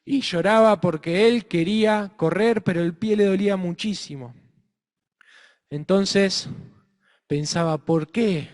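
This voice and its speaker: A man with an Argentine accent telling a story to children, expressive and asking his listeners questions. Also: high voice, unhurried, pauses often. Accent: Argentine Spanish. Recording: reverberant hall.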